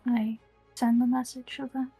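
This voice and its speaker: Woman, game player, fairly high voice, casual table talk, faint music. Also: flat delivery, moderate pace, mellow, husky.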